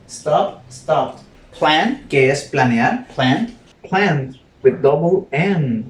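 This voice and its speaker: A man teaching a classroom grammar lesson, who quizzes his students and repeats example words slowly. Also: fairly high pitch, lively intonation. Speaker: English teacher. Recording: echoey room, mic far off.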